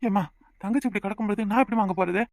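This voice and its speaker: A woman plays a harried village husband in a cartoon, talking fast and bluntly in a Kanyakumari Tamil accent. The sound is dry and close. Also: medium pitch, darkish tone, no echo, close to an everyday voice. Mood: alarmed.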